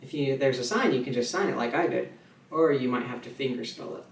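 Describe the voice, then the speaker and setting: A man teaching sign language in a relaxed, chatty way, with fillers and restarts, slowing down to mouth his example sentences. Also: medium pitch. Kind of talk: casual instructional video. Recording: echoey room, voice a little far from the mic, faint ambient noise.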